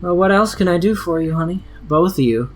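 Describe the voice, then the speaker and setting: A man's voice: sits high, lively intonation, brisk, soft background music, pitched above the performer's own voice. A man voicing a sultry, flirtatious femme fatale barmaid in a tabletop role-playing game, cooing pet names seductively. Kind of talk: in-character tabletop role-play.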